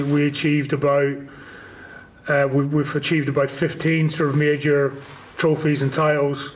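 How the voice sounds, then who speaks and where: A man in his forties from Northern Ireland, with a Northern Irish accent and a fairly high-pitched voice, is a rugby league club chief executive appearing as an interview guest. His casual answers come out hesitant and stop-start, and the recording quality is low.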